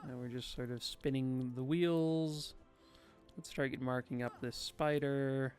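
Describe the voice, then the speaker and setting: A young man giving casual, unhurried commentary while playing a game, tired and yawning, thinking aloud with many pauses and fillers. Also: medium pitch, fairly even intonation, a little mellow, faint music behind. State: sleepy. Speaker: gaming streamer.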